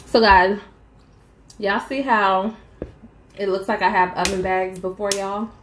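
A woman's voice: medium pitch, steady tone, a little slow, echoey room, a little hiss or hum. A young woman chatting to viewers between bites in a casual eating vlog. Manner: chatty, addresses viewers as y'all, eats between sentences. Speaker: mukbang vlogger. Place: small room at home, indoors.

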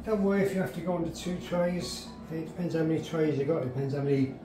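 Over music in an echoey room, a man with a higher-leaning voice talks quickly as he demonstrates drying garden herbs. The gardener's how-to, filmed in his home kitchen, is casual, practical, and plainly worded.

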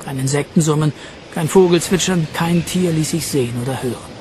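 A man reading a story aloud as audiobook narrator in an expressive, steady manner. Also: fairly high pitch, fairly quick, slight background noise. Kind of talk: scripted narration.

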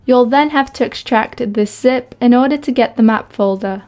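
A woman's voice: a little high, moderate pace, a little mellow, soft background music. A young adult woman hosting a gaming video, with gameplay chat and tutorial narration.

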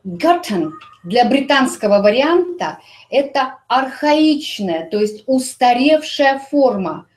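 A woman teaching an English grammar lesson, explaining slowly and repeating English example sentences. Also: high voice, sing-song.

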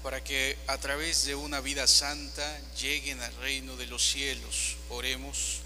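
Flat-voiced man reciting prayers in church. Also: medium pitch. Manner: even, measured reciting. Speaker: lector reading the prayers. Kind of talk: reading intercessions in a liturgy. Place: large church indoors. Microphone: far phone camera in the congregation. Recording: echoey church from afar, steady hum.

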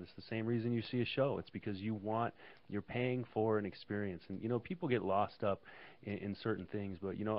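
A man appearing as a guest on a talk show, talking eagerly with stammering restarts. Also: lowish voice. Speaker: limousine company guest. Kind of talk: casual interview chat. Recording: dull lo-fi sound.

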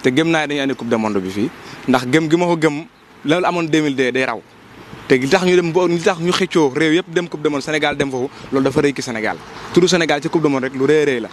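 A man's voice: a little high, a little hiss or hum. Fervent young man rattling on. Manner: fervent, rushing on. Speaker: street interviewee. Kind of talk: casual street vox pop. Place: street outdoors. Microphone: handheld mic held by interviewer.

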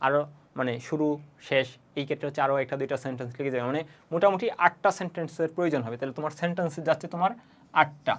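A young man tutoring students for an exam, talking casually with lots of fillers and constant "okay?" check-ins, with a Bangladeshi Bengali accent. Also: a little high. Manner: rapid, repetitive teacher talk with frequent fillers and check-ins. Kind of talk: casual exam-prep lesson.

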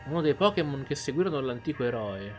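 A man's voice: medium pitch, lively intonation, fast, a little mellow. Man commentating gameplay over music. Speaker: gaming video host. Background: game music.

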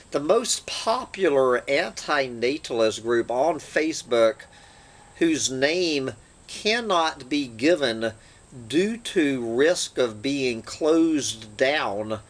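A man hosting his channel, reading an essay aloud with dry, sardonic asides between passages. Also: mid-range voice. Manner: slow, deliberate reading with sardonic asides and throat-clearing.

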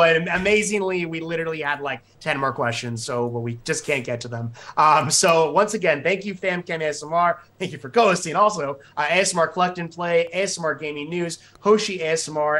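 Bright, upbeat male panel host. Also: fairly high pitch. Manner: upbeat, exclamatory. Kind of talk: online panel chat. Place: video call panel.

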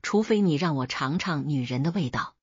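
A woman's voice: low voice, expressive, normal speed, breathy edge, dry recording. A woman voicing a sly, lecherous male night watchman in a storybook tale, speaking with a leer. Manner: leering, sneering. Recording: dull lo-fi dry recording.

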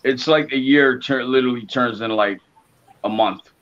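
A man's voice: medium pitch, moderate pace, a bit bright. Late-30s guy chatting on a fish stream, mid voice, keeps restarting sentences, kinda dull webcam sound. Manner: rambling storyteller with many restarts. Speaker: livestream host. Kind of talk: casual chat. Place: home fish room with aquariums. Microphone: webcam on a video call.

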